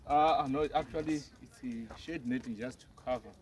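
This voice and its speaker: A man's voice: medium pitch, normal speed, a little mellow, slight background noise. A man from Zimbabwe who runs a plant nursery, answering interview questions outdoors and searching hesitantly for words. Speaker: nursery owner.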